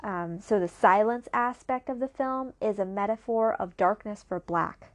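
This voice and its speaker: A woman's voice: mid-range voice, moderate pace. A woman co-hosting a casual movie podcast, enthusiastically sharing trivia and teasing her co-host. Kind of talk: casual movie review chat.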